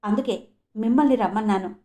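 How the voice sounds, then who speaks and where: A woman's voice: fairly high pitch, a little fast, mellow, natural voice. Woman reading as a fiery young woman. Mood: urgent. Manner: urgent, pleading.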